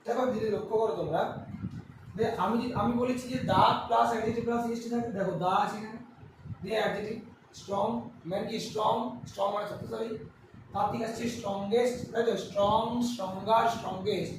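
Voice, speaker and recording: A high-pitched man teaches grammar and works through examples at a board. He stands well away from the mic in a very echoey room, and steady background noise runs under his voice. He keeps asking the class questions and then answers them himself. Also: a little fast, recorded from a distance. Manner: explains step by step, asks and answers his own questions. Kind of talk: classroom-style lesson at a board.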